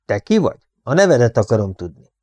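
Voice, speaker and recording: Egy férfi, aki egy indulatos, fenyegető öreg farmert szólaltat meg egy hangoskönyvben, parancsoló, nyers modorban. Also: male voice, medium pitch, very animated, darkish tone, dry recording. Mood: menacing. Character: old hot-tempered male rancher, threatening.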